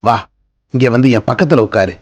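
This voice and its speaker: A man voicing a kind, fair-minded elderly father in a cartoon, speaking gently and calmly. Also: medium pitch, a little fast, a little hiss or hum, close to an everyday voice. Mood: gentle. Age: older. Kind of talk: cartoon voice acting. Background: background music.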